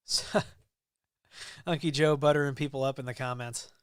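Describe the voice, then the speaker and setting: With a steady tone and normal pace, a mid-range male voice with a Midwestern American accent hosts a casual stream, reading comments aloud and rambling through ums and restarts. The audio is clean studio sound with no echo.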